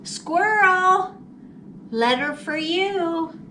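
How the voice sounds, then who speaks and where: In a full character voice, a woman pitches herself very high, above her own natural register, drawing out her words with a bright, forceful tone. Her role is a shy, kind old mailman from a storybook, delivering brief, courteous singsong calls. The mic is far away and there's a faint hum of background noise.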